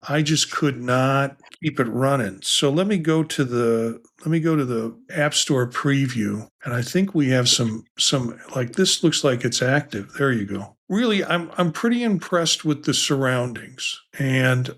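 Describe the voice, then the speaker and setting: A man's voice: mid-range voice, animated, a little slow, hardly any pauses, fairly bright tone. Rambling male tech podcast co-host. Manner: rambling, with many restarts and asides. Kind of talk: casual tech podcast chat.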